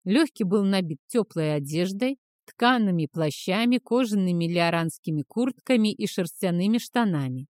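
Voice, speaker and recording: Woman narrating a fantasy audiobook, steady even reading, dry close sound. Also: medium pitch, moderate pace, few pauses, no room sound.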